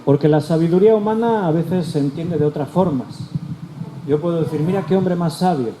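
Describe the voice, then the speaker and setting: A man's voice: a little high, a little fast, noisy background. A male pastor, teaching a Bible study. He explains patiently and often repeats or rephrases his key words. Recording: roomy echo with faint background ambience.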